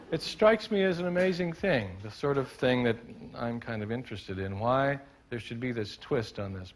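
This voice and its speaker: A man's voice: medium pitch, noisy background. A man giving a live storytelling talk on stage, playful at times and reflective at others. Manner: playful, leads the audience in gestures and song; reflective, builds to earnest points. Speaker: storyteller and speaker. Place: stage before a live audience.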